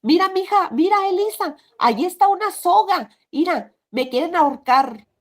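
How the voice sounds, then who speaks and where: A woman's voice: mid-range voice, animated, measured pace, vocal fry, a little mellow. A woman reenacting the pleading words of her dying older husband in an interview. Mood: frightened.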